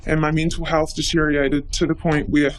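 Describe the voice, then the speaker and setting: A woman reading a victim impact statement, her voice distorted and pitched down to disguise her identity, in a measured, even delivery. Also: a little hiss or hum. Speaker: crime victim giving a court statement.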